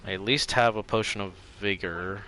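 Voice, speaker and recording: A man gives casual gameplay commentary in a fairly low but bright, forward voice. His nose sounds stuffed up, and he talks in offhand, muttered reactions. There is noticeable noise behind him. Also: fairly even intonation, moderate pace, rough recording. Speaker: gamer commentating on own play.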